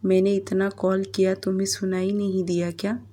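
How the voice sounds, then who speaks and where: A woman's voice: medium pitch, flat delivery, moderate pace, mellow, close to an everyday voice. A woman voicing a blunt young husband on a call. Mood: irritated.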